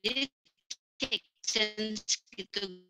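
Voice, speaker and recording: A woman's voice: mid-range voice, very slow, pushed and bright. A young woman with an Indonesian accent giving an online class, talking in a chatty way, mixing English into her speech and laughing often. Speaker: English teaching lecturer.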